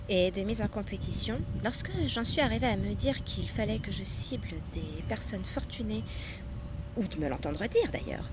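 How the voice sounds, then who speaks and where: Earnest woman telling her story over noise. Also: medium pitch. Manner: measured and earnest, with occasional hesitations. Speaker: personal development coach. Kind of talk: scripted personal story narration. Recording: steady background noise with passing traffic.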